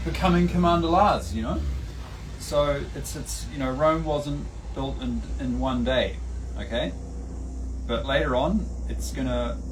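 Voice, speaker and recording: A man with a New Zealand accent giving a rambling, casual lesson, full of fillers and restarts. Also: medium pitch. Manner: halting, many fillers and restarts. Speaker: online lecturer. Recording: distant mic with faint background noise.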